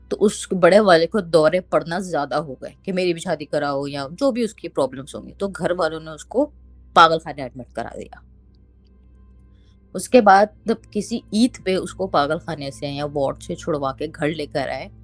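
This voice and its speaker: A young woman, casually telling a ghost story and quoting others in lively bursts. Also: low-pitched, no room sound. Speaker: storyteller recounting a haunting.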